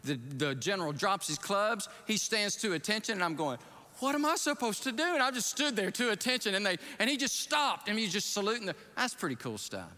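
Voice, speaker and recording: A man preaching as a pastor, telling a story in an animated, excitable way and jumping up in pitch to act out scenes, in a church sanctuary. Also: brisk, hardly any pauses. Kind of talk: storytelling sermon. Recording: reverberant hall.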